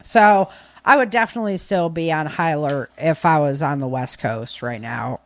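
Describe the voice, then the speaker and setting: In a dry recording, an American woman who hosts a podcast speaks at normal speed in a low voice. Her commentary is casual and unscripted, delivered off the cuff in an emphatic, conversational way.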